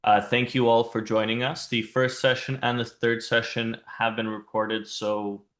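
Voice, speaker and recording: Man, event organizer, monotone, matter-of-fact, echoey video call. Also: mid-range voice, normal speed. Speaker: event organizer closing the session. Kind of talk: closing remarks.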